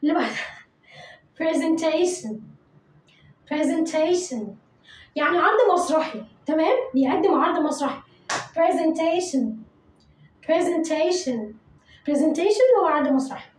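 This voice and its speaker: A woman with an Egyptian Arabic accent teaching English vocabulary to children, repeating each word slowly and coaxing pupils to say it after her. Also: sits high, animated, reverberant, slight background noise, poor audio.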